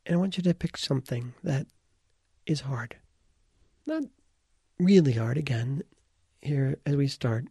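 A man leading a slow guided visualization, calm and soft-spoken, sometimes slipping into a whisper. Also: medium pitch, creaky, breathy edge, no room sound, studio quality. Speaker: guided meditation leader.

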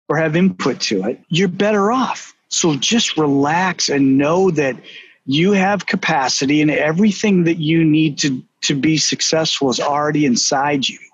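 Man, Boston accent, fairly high husky voice, animated storyteller, dull lo-fi sound. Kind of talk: casual business chat. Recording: dull, slightly lo-fi.

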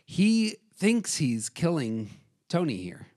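A man's voice: a little high, sing-song, slow, a little mellow. A man co-hosting a casual film discussion, narrating scenes and commenting on them. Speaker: co-host.

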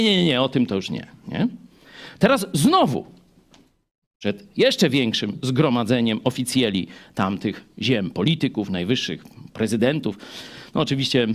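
A man preaching a chatty Bible study sermon, full of rhetorical asides and questions to the listeners. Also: mid-range voice.

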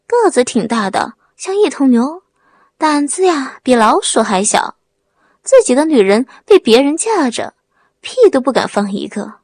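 A woman's voice: sits high, big pitch swings, unhurried, darkish tone, slightly rough, no echo, clean studio sound, exaggerated voice. A woman voicing a short, fat male thug who mocks with scorn. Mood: mocking. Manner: mocking, scornful.

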